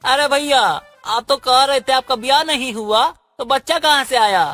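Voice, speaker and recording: A man's voice: extremely high pitch, moderate pace, pushed and bright, soft background music. A man voicing a dim-witted goon sidekick in a cartoon who complains rustically about his boss. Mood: whining. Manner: whiny and rustic. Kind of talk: cartoon voice acting.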